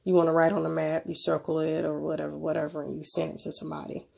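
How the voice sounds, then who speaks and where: Woman, stuffy-nosed with a cold, fairly low voice, heavy vocal fry, informal tech video presenter. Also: completely flat delivery, fast talker, dark tone. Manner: informal, conversational. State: sick with a cold, stuffy nose. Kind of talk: casual tech review narration.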